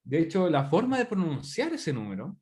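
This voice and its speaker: A Chilean man teaches an online English class in Spanish over a video call's computer mic, chatty and frequently asking students questions to check in. His voice sits on the high side with huge pitch swings, a mellow tone, and normal speed.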